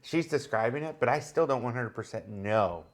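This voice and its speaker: A man's voice: mid-range voice, lively intonation, moderate pace. Man explaining things, thinking aloud. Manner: explains at length, thinking aloud with many fillers. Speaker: co-host. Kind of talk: casual chat.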